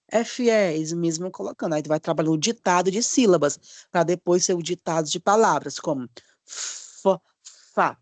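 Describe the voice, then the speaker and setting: A man's voice: fairly high pitch, darkish tone, no room sound. Friendly man teaching letter sounds. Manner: drawn-out demonstrations of letter sounds; frequent checking tag questions. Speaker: literacy course instructor. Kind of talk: live online teacher training lesson.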